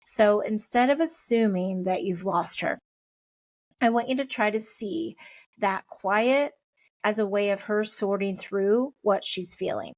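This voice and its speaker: A middle-aged woman hosting a parenting podcast, giving a chatty, encouraging pep talk and talking things through out loud. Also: mid-range voice, no echo.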